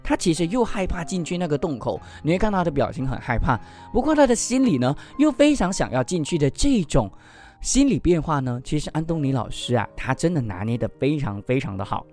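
A man telling a picture-book story aloud with animated, expressive delivery and then discussing it. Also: fairly high pitch, a little fast, faint music behind.

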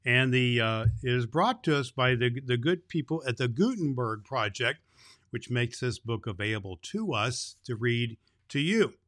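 A man playing Santa Claus as a jolly, grandfatherly old man, talking kindly and haltingly to children as host of a Christmas story show. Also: mid-range voice, lively intonation, fairly bright tone, natural voice. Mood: gentle, explaining. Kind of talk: unscripted, folksy address to child listeners.

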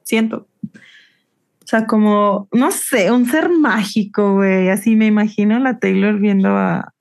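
A woman's voice: medium pitch, measured pace, gravelly, darkish tone. A Mexican woman co-hosting a casual, slangy podcast chat among friends. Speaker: podcast co-host.

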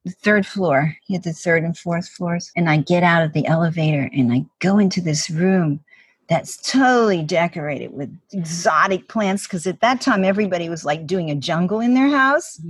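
An older woman recalls a story in a relaxed, chatty way, sprinkling in fillers and acting out quotes. Her voice is husky and sits on the low side. The sound is dry and close. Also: moderate pace, no echo. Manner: chatty, many "like" and "you know" fillers, acts out quotes. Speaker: interviewee. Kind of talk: casual storytelling.

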